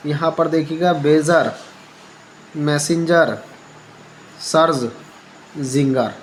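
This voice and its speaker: A man in a home-made lesson video explains how English letters are read, in a voice a little higher than usual. He is patient and repeats each rule, then asks it back to his listeners as a question. A faint background hum runs under the recording. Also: slow, poor audio. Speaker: English teacher. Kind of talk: Hindi phonics lesson for beginners.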